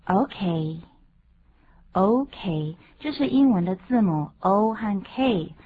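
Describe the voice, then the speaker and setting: Husky woman modeling English phrases. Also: medium pitch, expressive. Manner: models English phrases slowly and clearly, explains pronunciation. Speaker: English teacher co-host. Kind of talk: bilingual radio English lesson. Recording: phone-like lo-fi sound.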